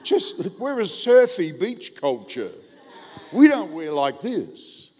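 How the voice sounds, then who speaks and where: A man preaching with comic timing, acting out every quote and jumping from quiet asides to shouts. His voice sits high and swings widely in pitch. The sound carries a long reverb from a large auditorium. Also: takes it slowly. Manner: animated, comic, acts out quotes with big jumps in loudness. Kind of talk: humorous sermon storytelling.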